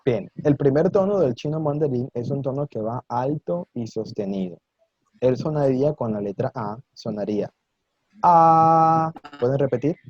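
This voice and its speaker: A man's voice: mid-range voice, normal speed, dark tone, breathy edge, no echo, dull audio. A man teaching an online Mandarin lesson in Spanish, patiently explaining and demonstrating tones with exaggerated intonation and encouraging his students.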